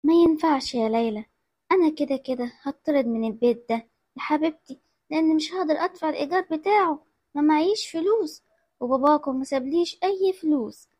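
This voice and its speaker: Distraught young Egyptian mother, played by a woman, high and quick, with music under her. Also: a little mellow, dry recording, natural voice. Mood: sad. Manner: pleading, tearful.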